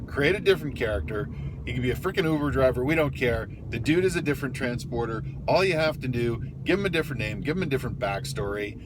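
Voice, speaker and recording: A man's voice: mid-range voice, animated, fast talker. An older man giving a casual, opinionated rant in a grumpy, blunt, exasperated way. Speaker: vlogger. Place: inside a car. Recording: noisy car interior with vehicle noise.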